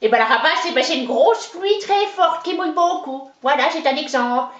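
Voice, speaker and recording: The recording sounds roomy, dull and lo-fi. A woman with a high-pitched, expressive, slightly bright voice speaks at normal speed, playing a boastful, chatty older countrywoman with a Franc-Comtois accent from the Haut-Doubs who rambles folksily, full of "hein" and "oh ben," as the interviewee in a comic character interview.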